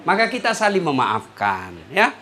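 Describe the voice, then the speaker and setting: A man's voice: on the high side, moderate pace, a little hiss or hum. A man preaching a humorous sermon to a live audience, acting out the voices of the people in his stories. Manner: animated, acts out voices of listeners and himself.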